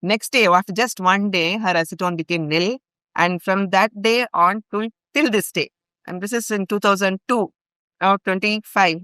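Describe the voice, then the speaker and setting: Talking at a normal speed, a middle-aged woman with a mid-range, slightly bright voice tells a long personal story on a podcast, with no echo in the audio. She grew up in Bhopal, India, speaks with an Indian English accent, and is a longtime ashram volunteer. Her earnest telling moves through events in long chains, with plenty of fillers.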